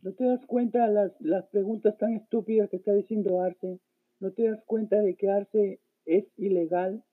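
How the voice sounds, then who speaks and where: A man with a high, husky voice ranting scornfully in a call-in chat, firing off one question after another. The sound is thin and dry, like a phone line. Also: steady tone, normal speed, no echo.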